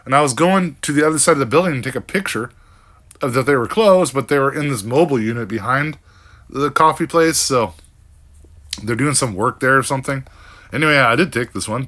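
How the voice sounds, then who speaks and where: An older man talks through his week in a loose, rambling way, with lots of fillers and the odd curse. His voice sits in a middle pitch and has a bright, forward edge. It sounds like a casual, unscripted vlog. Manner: rambling, frank, with frequent fillers and mild cursing. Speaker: delivery driver vlogger.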